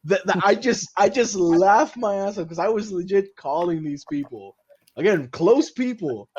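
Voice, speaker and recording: Man from puerto rico, podcast co-host, animated, swears, gleeful, high voice, muffled lo-fi sound. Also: moderate pace, slightly rough. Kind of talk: casual political chat.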